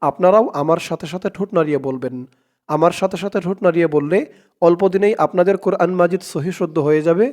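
A man teaching Quran reading in Bengali with a Bangladeshi accent, spelling out words letter by letter and chanting the verses slowly. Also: sits high, darkish tone. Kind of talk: slow step-by-step Quran recitation lesson.

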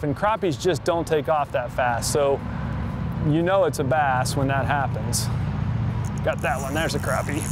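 A middle-aged man hosting a fishing show, giving excited, chatty commentary from a boat on a pond and laughing often. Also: on the high side, noisy background.

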